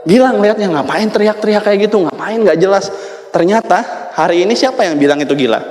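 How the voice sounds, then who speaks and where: A man gives a motivational talk to a sales audience and keeps asking the crowd questions. His voice sits high for a man. It rings with long reverb in a large hall. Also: quick pace, a little mellow. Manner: addresses the crowd with rhetorical questions. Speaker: motivational speaker at a sales event.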